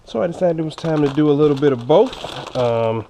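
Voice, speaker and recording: A man's voice: a little high, animated, fairly quick. A man speaking with braces on, giving a chatty, jokey, informal unboxing review as a vlogger. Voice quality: slightly impeded speech from wearing braces. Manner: jokey, informal, chatty, self-teasing asides. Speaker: motorcycle vlogger reviewing gear. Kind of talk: casual unboxing review chat. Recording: clear background noise with clicks.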